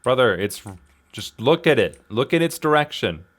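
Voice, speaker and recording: This male gaming host talks to himself while playing, his medium-pitched voice swinging widely at a moderate pace. The commentary is casual, slangy, exclamatory and self-deprecating.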